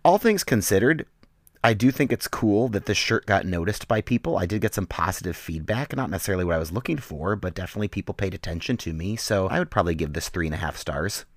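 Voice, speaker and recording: A man co-hosting a comedy podcast, casually telling a deadpan absurd story as a product review. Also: low-pitched, fast talker, no room sound, clean studio sound.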